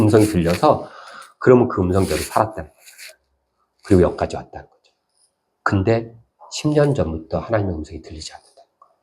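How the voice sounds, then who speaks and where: A male pastor giving a conversational sermon, telling stories and now and then acting out voices in sudden high bursts. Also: a little mellow.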